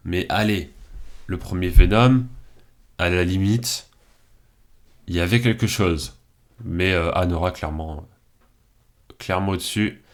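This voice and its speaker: A man hosting his channel, chatting casually as he picks between films, thinking aloud with frequent hesitations and fillers. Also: deep voice. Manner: relaxed and candid. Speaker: channel host. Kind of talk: casual commentary while picking films.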